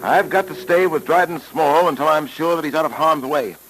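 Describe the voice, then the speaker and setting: An actor playing an earnest male police detective in a 1940s radio drama, speaking calmly and with authority. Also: on the high side, a little hiss or hum, close to an everyday voice, rough recording. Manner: calm, measured, authoritative.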